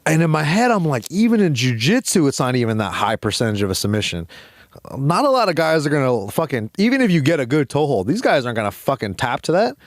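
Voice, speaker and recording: A man's voice: on the high side, very animated, quick pace, dry recording, clean studio sound. A man co-hosting a comedic sports podcast, telling stories in a rambling, profane way. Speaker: podcast co-host. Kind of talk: casual comedic chat.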